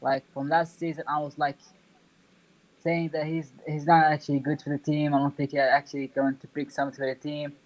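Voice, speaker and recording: A man from Saudi Arabia, a native Arabic speaker, calls in to a stream. His voice sits a little high, and he speaks in hesitant, halting phrases, restarting as he goes. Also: level tone, no echo, lo-fi sound. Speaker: caller. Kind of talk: casual chat.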